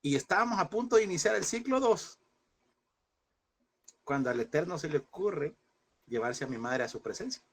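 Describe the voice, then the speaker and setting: A man's voice: fairly high pitch, animated, moderate pace, pauses often, slightly rough. A man in his thirties teaching a seminary class as a fervent sermon, speaking through grief and constantly calling his listeners "brother.". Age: 30s. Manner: fervent, addresses listeners as "hermano". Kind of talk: impassioned sermon-style class.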